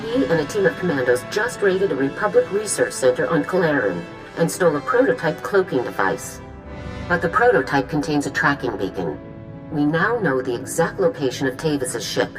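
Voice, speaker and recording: A woman playing a stern, commanding military general in a video game, with a brisk, authoritative manner. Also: deep voice, very animated, rough recording. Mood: urgent, commanding. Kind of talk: video game cutscene acting. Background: music.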